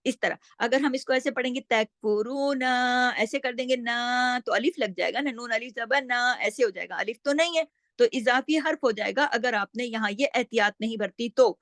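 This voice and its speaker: A woman's voice: on the high side, normal speed, fairly bright tone, no echo. Patient woman teaching recitation, dry sound. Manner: patient, explains each sound and demonstrates it. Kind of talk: step-by-step recitation lesson.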